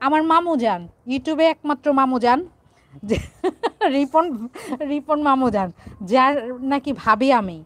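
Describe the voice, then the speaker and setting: A woman's voice: high-pitched, expressive, measured pace, pauses often, no room sound. A playful, teasing woman from Bangladesh hosting a casual live stream and reading out viewer comments.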